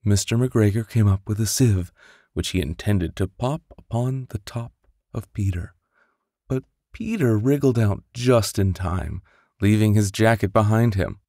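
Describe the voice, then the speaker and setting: Close on a studio condenser mic, a man with a lowish, creaky, warm voice narrates a bedtime story. He performs it theatrically, slipping into whispers and sound-effect voices, and the recording is dry.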